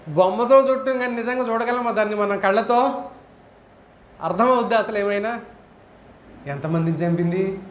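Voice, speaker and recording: A male preacher delivers a sermon in a high voice, firing question after question and climbing into forceful emphatic peaks. He is recorded in an echoey hall with faint background ambience. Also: a little hiss or hum. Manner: rhetorical questions, rising to emphatic high bursts.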